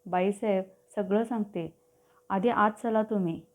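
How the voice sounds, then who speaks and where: A woman's voice: mid-range voice, unhurried, lightly acted. Woman doing a deferential young hotel maid. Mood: reassuring. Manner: respectful, coaxing. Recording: tinny phone-like audio.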